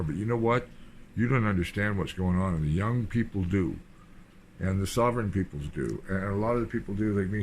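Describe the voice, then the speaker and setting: An older man with a very deep voice, talking in a rambling, digressive vlog monologue full of fillers. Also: slight background noise. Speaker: vlogger. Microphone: cheap mic.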